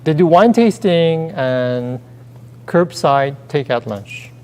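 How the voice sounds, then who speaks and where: A man's voice: on the high side, expressive, slow pace, darkish tone. A man co-hosting a casual chat show, hesitant and full of fillers and restarts. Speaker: co-host. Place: theater stage. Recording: long reverb of a theater hall.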